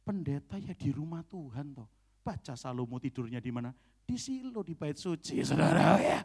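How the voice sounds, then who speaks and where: Animated gravelly man preaching a sermon. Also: on the high side. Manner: animated storytelling, many "saudara, ya" asides, acts out quoted dialogue. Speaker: pastor. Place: church function hall.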